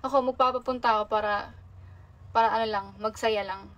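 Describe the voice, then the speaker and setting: A woman's voice: on the high side, steady tone, a little fast, muffled recording. A young woman talking casually on a livestream, rambling and confessional, with many fillers and restarts.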